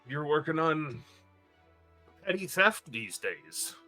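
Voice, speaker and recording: Casting: man playing a hearty tavern keeper, half-pirate drawl, bright lively voice. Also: on the high side, soft background music, pitched above the performer's own voice, heavily acted. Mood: teasing. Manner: hearty, drawn-out barkeep lilt. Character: male tavern owner, jovial, slightly piratey.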